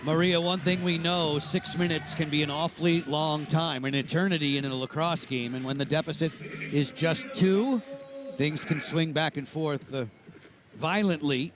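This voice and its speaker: A man's voice: a little high, noisy background. Man calling a lacrosse game. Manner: steady, informative broadcast delivery. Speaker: play-by-play commentator. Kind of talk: live sports commentary.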